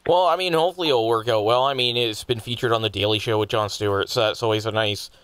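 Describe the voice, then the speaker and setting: A man from British Columbia hosting a casual radio interview, chatty and quick to laugh. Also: on the low side, fairly bright tone, clear, resonant tone, no echo. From British Columbia, Canada. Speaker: radio host.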